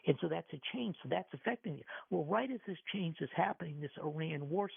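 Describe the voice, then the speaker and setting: A financial talk-show host taped off the radio, his man's voice deeply gravelly and a bit high for a man. He stumbles through frequent restarts. The tinny, dry broadcast sound is thin and phone-like. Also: lively intonation, fast, dry recording. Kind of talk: call-in radio talk on markets.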